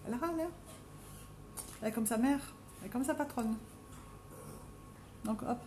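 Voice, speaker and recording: A woman's voice: fairly even intonation, normal speed, background noise. Chatty middle-aged woman with a Marseille accent. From Marseille, France. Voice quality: deep, strong voice. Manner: chatty, self-mocking, talks to viewers by name. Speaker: makeup live streamer. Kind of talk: casual live-stream chat while doing makeup. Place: home. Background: dogs playing now and then.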